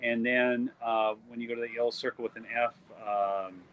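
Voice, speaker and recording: A man's voice: medium pitch, steady tone, moderate pace, a bit bright, clean tone, poor audio. Chatty Minnesota man at an art booth. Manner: chatty, rambling, friendly sales talk. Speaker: photographer and YouTube host. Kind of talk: casual live-stream booth walkthrough. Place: outdoor art fair booth.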